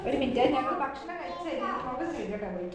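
A woman talks fast with a lively pitch that jumps about. She is in a heavily echoing hospital room. Clear background noise sits behind her. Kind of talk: casual family chat. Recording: distant, echoey, noisy room.

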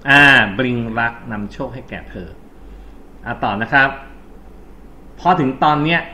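A man's voice: mid-range voice, lively intonation, unhurried, pushed and bright. A Thai-accented man teaching an exam-prep English lesson, talking chattily, correcting himself and slipping English terms into his explanations. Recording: slightly dull recording with faint background noise.

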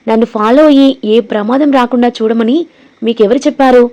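A woman's voice: fairly high pitch, a little fast, dark tone, natural voice. A woman voicing an earnest, grateful young man in a storybook reading.

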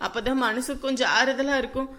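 Tearful mother, high pitch, bright tone. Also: fairly even intonation, fast. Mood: hopeful. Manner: tearful, pleading. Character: anxious village mother grieving a missing son. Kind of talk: village web-series drama.

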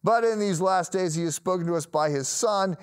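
An older man, a pastor in his sixties, giving an animated devotional talk to camera in a studio, often lifting his voice for emphasis. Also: a little fast, smooth. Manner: animated, gestures a lot, rises in pitch for emphasis. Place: studio with plain grey backdrop.

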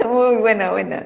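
A woman's voice: a little high, creaky. Patient woman teaching kids online, reverberant. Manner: patient, slow and emphatic when reading words aloud; affectionate toward pupils. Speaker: primary school teacher. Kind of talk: online class for young children. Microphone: video call.

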